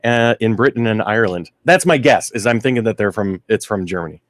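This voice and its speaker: Lively-voiced teasing male co-host. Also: lowish voice, a little fast, no room sound, studio quality. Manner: teasing, joking, hesitant with uh fillers. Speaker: radio show co-host. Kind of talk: casual radio banter. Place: radio studio.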